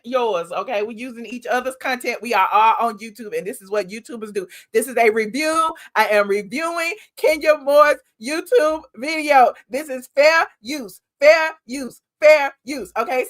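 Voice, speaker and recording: A woman's voice: high voice, fairly bright tone. A woman hosting a casual reality TV gossip commentary, smug and sarcastic, emphatic and given to repeating phrases for effect. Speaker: YouTube host reviewing reality TV.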